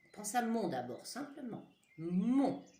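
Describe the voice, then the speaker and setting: A woman teacher dictates syllables to young children at a careful, drawn-out pace, her pitch rising and falling with lively emphasis. Her voice sits on the low side for a woman. She is picked up by the camera in a roomy, echoing classroom. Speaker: primary school teacher. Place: classroom with a board. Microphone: camera mic.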